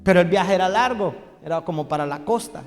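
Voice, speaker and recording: A Colombian man preaching a sermon as pastor, animated, acting out a joke with shouted lines. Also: high-pitched, brisk, in a large hall, faint music behind. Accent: Colombian Spanish. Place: church.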